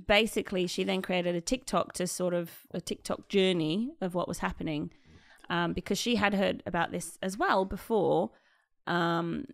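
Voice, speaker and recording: A woman hosts a casual podcast chat with an animated storytelling manner. Her voice has a gravelly, creaky edge. The sound is dry and close. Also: on the low side, dry recording. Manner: animated storyteller, frequent laughs. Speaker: podcast host.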